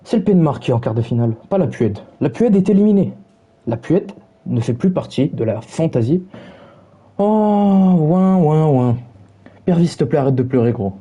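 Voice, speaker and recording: A man's voice: medium pitch, lively intonation, brisk, mellow, breathy edge, dull audio. A young man streaming, reviewing match stats while mockingly taunting his chat in brash slang.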